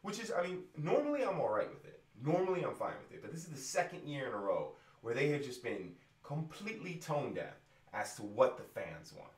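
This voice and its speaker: A young rapper goes on a profane, exasperated rant about wrestling in a casual vlog, recorded from a distance with a roomy echo. His voice is fairly high and sing-song, and he talks briskly.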